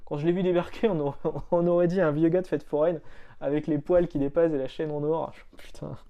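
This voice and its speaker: A man's voice: on the high side, fairly even intonation, fairly quick, lo-fi sound. A man who runs a comic shop, chatting casually to his viewers in a rambling way, with many fillers and restarts. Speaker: comic shop owner and video host. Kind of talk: casual chat.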